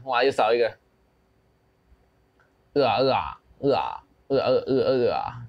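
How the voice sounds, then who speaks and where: A young man with a Taiwanese Mandarin accent giving casual, excited commentary on a battle game, mixing in English and plenty of exclamations. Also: medium pitch. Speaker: gaming channel host.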